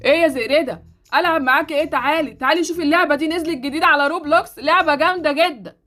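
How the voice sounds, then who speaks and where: A woman voicing a loud, excitable gamer boy with an Egyptian Arabic accent. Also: high-pitched, very fast, soft background music. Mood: dismissive. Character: boy Sultan, gamer and brother figure.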